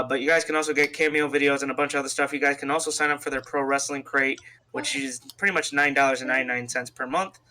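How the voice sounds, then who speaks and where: A man co-hosts a wrestling podcast, delivering a casual sponsor read and banter as informal promotional patter, calling his listeners folks. His voice is a little high, bright and forceful.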